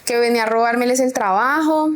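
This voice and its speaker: A young adult woman, guest on an interview, telling a personal story in an animated way and acting out what others said. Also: fairly high pitch, fast. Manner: animated, acts out quoted voices. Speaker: guest, cultural curator.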